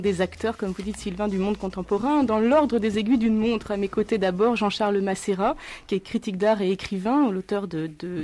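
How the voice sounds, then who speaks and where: Mellow-voiced woman hosting a radio panel. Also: mid-range voice. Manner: measured, introducing guests one by one. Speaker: radio host.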